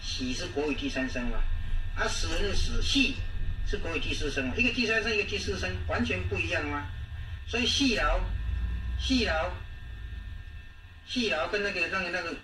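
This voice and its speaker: A man's voice: high-pitched, expressive, pushed and bright. Taiwanese man teaching in an echoey room. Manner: repetitive, drawn-out, frequent "ha, oh" fillers. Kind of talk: language lesson lecture. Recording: echoey room, distant mic, faint noise.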